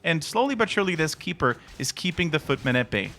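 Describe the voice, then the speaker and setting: A man with a Dutch accent giving lively live play-by-play commentary on a strategy game. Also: quick pace, a little hiss or hum. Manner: excited play-by-play, rising pitch at big moments. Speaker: esports caster.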